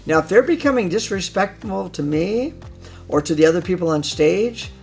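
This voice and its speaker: A man with a fairly high, gravelly-creaky voice talks in an explanatory interview style as a hypnosis trainer. He is emphatic and repeats phrases to stress them. Light music plays behind him. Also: expressive, moderate pace, a little mellow.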